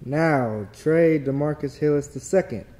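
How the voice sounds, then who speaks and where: A man in a comedy sketch, calling out graduates' names in a slow, formal way. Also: a little high, noisy background. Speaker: announcer reading graduate names.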